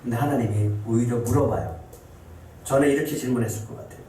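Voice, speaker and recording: Male pastor, sermon, rises to high emphatic lines, booming church echo, distant mic, faint hiss. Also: fast, mellow. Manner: rising to high emphatic pitch when voicing scripture quotes; asks the congregation questions, then answers them. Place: church sanctuary.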